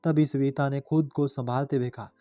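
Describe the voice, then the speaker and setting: A man narrating a family story in a calm, steady way. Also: medium pitch, moderate pace, dry recording. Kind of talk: scripted narration. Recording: slightly dull lo-fi audio with faint music.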